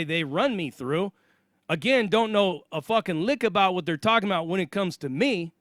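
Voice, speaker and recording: Blunt American man, high-pitched voice. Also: a bit bright, no echo, clean studio sound. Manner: blunt, emphatic, profane. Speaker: online commentator. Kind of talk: opinionated casual monologue.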